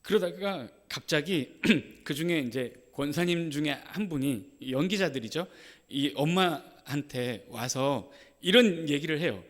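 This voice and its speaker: Male pastor, lively and somewhat high voice, conversational sermon delivery with spoken asides, long church reverb. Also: a little slow, few pauses. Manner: conversational, with affirming "예" asides, acting out quoted lines. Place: church sanctuary.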